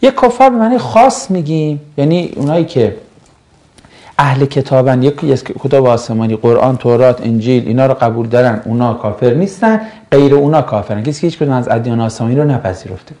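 A man from Mashhad working as a religious teacher, answering viewer questions in a casual live chat, animated and sarcastic. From Mashhad, Iran. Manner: animated and sarcastic, pitch jumping up and down.

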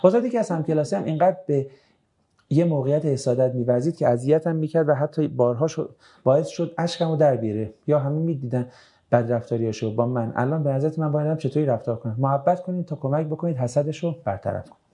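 A man leads a religious class, reading out listeners' questions and answering them briskly. His voice sits a little high for a man but has a warm, mellow color. He talks plainly and slips in dry jokes. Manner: brisk, conversational, with dry joking asides. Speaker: religious teacher.

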